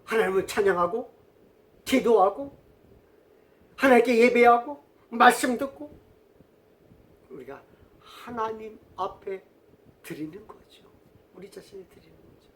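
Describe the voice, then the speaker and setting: A male pastor giving a sermon, telling stories and asking the congregation questions. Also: very high voice. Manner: storytelling, asks the congregation questions.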